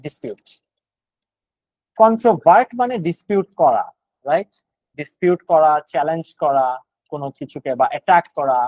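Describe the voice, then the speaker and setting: A man's voice: on the high side, a little mellow, no echo, low-quality recording. A man with a Bangladeshi accent teaching GRE vocabulary online, explaining words one at a time and thinking aloud.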